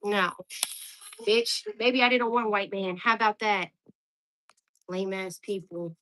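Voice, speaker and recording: A woman's voice: medium pitch, unhurried, a bit bright, a little hiss or hum, low-quality recording. A young woman at home on a livestream, cursing and confronting commenters, sometimes calling out to her kids. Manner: profane, confrontational toward commenters; calls out to kids around the house. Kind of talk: ranting livestream chat.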